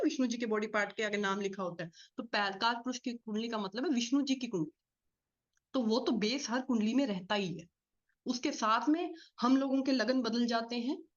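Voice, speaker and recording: A woman teaching an astrology class in a fast, explanatory lecture style, often asking and answering her own questions. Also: fairly high pitch. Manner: fast-talking, explains with repeated rhetorical questions. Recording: slightly dull lo-fi audio.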